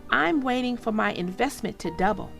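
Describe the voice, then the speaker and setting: A self-satisfied little schoolgirl read by a woman boasts in a prim, fairly high voice. It is a lively storybook delivery over music. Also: normal speed, creaky. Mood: proud.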